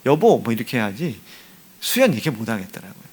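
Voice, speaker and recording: A male pastor delivers a lively sermon in a church, his pitch swinging widely as he teases members of the congregation. He keeps acting out little household dialogues, calling on people by name in a playful, animated way. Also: quick pace, slightly rough. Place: church sanctuary.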